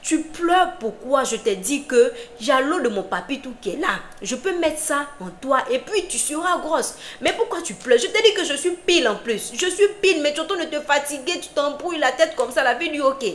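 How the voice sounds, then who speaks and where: A woman voicing a deceptive grown man who keeps calmly reassuring and persuading his young wife. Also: high-pitched, normal speed, few pauses, voice pushed up. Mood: coaxing. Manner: coaxing, reassuring. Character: smooth-talking deceptive husband, grown man. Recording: roomy with faint background ambience.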